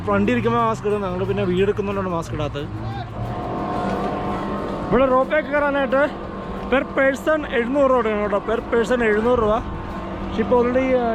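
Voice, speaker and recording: A man's voice: high voice, rough recording. A man casually narrating a travel vlog outdoors, mixing English words into Malayalam with enthusiastic slangy exclamations. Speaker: travel vlogger. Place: outdoors at a cold mountain tourist valley.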